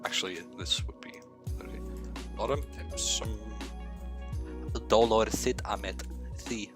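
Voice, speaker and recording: A young Dutch man with a Dutch accent streams a live coding session over music, his low-leaning voice slow and fairly even in intonation. He rambles to himself, chats with viewers, hums filler syllables and swears casually.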